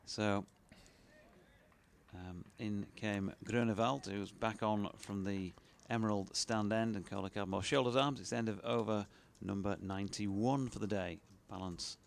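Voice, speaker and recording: A man doing relaxed, chatty ball-by-ball radio cricket commentary. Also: lowish voice, unhurried, vocal fry, slight background noise. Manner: relaxed, chatty, with fillers and laughs between balls.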